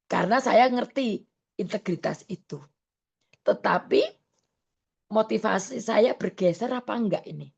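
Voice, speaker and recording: A woman evangelist preaching a sermon over an online video call, earnest and slow, often stopping on fillers and correcting herself. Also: medium pitch, vocal fry, a little mellow, husky, dull audio.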